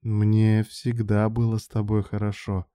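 Guy doing a sly sultry madam lady in an audiobook, pitched way up, soft dark tone, dry close sound. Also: normal speed, dry recording, close to an everyday voice. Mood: cooing. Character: sultry, scheming woman brothel madam. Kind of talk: audiobook dialogue.

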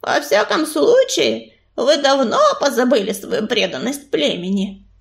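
A fierce she-cat warrior who hisses and snaps at intruders, put on by a woman reading. Her voice is shrill and high, leaping sharply upward. It is an angry storybook animal voice. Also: big pitch swings, measured pace, gravelly, heavily acted. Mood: snappish. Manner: hissing, shrill.

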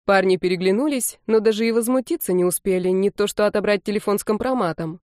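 A woman narrates a story in a lively, expressive way at a middle pitch. The recording is close and completely dry, with no room around it. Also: fast talker, dry recording. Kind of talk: audiobook narration.

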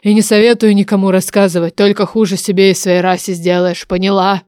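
A woman voicing an ancient, grumpy, secretive male dragon oracle who speaks telepathically, in a slow, loud, grumbling manner, in an audiobook. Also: mid-range voice, little pitch movement, no room sound, studio quality, close to an everyday voice. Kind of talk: audiobook character voice.

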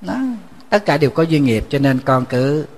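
A man, a Buddhist monk, giving a sermon as a lively storyteller who repeats words when he restarts. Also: normal speed. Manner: storytelling, acting out quoted voices with rising pitch.

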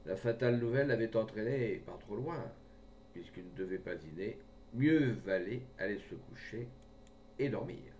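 A man reading a short story aloud in a measured way, recorded from a distance with a faint rumble behind. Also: expressive, darkish tone. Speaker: audiobook reader.

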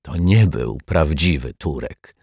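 A man's voice: rumbling low, expressive, slow, gravelly, a little mellow, breathy edge, no room sound, studio quality, full character voice. A man voicing a fussy, cheerful detective who talks politely and eagerly. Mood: knowing. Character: fussy cheerful small-office male detective.

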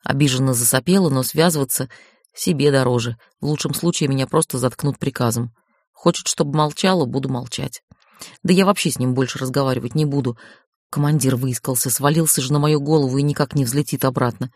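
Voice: mid-range voice, brisk, darkish tone, dry recording. Dry-voiced audiobook narrator. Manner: wry, emotional inner monologue. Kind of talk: first-person novel narration.

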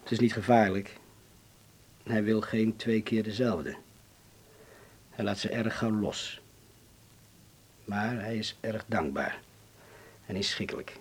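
With a Netherlands Dutch accent, an actor voices a grave, courteous man in hiding for a Dutch radio drama, delivering formal, deliberate lines. The performance is heavily acted, delicate and persuasive, in a voice on the low side and slightly rough.

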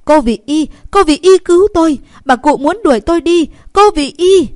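A woman voicing a pushy young female maid who pleads and shouts for help in a storybook reading. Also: a little high, animated, moderate pace, no echo, studio quality, pitched above the performer's own voice, close to an everyday voice. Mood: shrieking.

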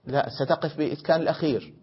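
Man, grammar teacher, fairly high voice, explains by restating, dull lo-fi recording. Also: quick pace, husky. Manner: questions students and corrects their answers; explains by repeating and rephrasing. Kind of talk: classroom lesson.

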